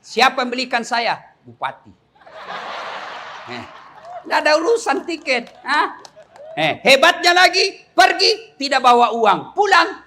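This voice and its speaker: A male preacher delivers a comic sermon to young people. His voice sits high and rings bright, and he tells stories in a lively way, mimicking the people in them and breaking into shouts. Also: measured pace, pauses often, slight background noise.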